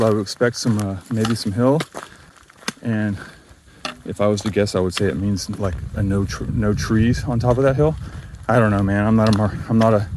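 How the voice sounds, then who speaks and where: A middle-aged man chatting casually to the camera while hiking alone on a forest trail, rambling and self-deprecating. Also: medium pitch. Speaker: hiking vlogger. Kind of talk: casual vlog talk to camera. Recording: outdoor noise in the background. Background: outdoor noise.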